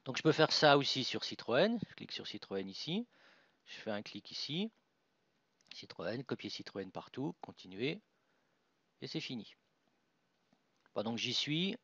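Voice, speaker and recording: A man narrates a software tutorial at his computer, describing each click as he makes it and restarting his sentences now and then. The sound is dry and somewhat dull, with mouse clicks in the background. His voice sits at an ordinary middle pitch. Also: breathy edge, dry recording. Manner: talks through each click, with fillers and restarts. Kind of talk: screen-recorded software tutorial.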